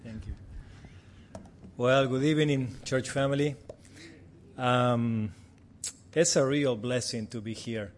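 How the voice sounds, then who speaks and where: A forties-aged Argentine man reports on missions to a church in a friendly, chatty way, with a bit of self-deprecating humor. His native Spanish shows in his Argentine Spanish accent, and his medium-pitched voice moves slowly, with long pauses.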